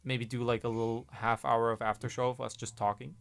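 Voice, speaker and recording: A man's voice: mid-range voice, level tone, fairly quick, vocal fry. A young man co-hosting a podcast in casual chat, rambling with fillers and laughing often. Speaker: podcast co-host.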